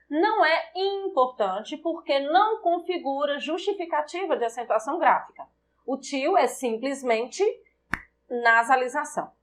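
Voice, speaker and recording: A Brazilian woman teaching a recorded Portuguese grammar lesson, speaking deliberately and repeating example words to stress their syllables. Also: sits high.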